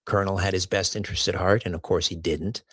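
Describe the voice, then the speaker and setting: A man in casual conversation, relaxed and anecdotal. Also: low voice, quick pace, husky, no room sound, clean studio sound. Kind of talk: casual chat.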